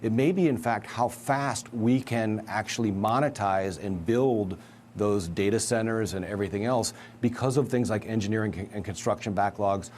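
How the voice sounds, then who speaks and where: A man giving a measured, analytical market view as a guest in a financial news interview. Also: lowish voice, a little mellow, slight background noise. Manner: measured, analytical, emphatic asides.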